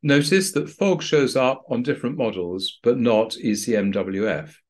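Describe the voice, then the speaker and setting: A man narrating a screen-recorded software tutorial for pilots in a plain, practical, dryly understated way. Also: mid-range voice, moderate pace. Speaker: flight training instructor.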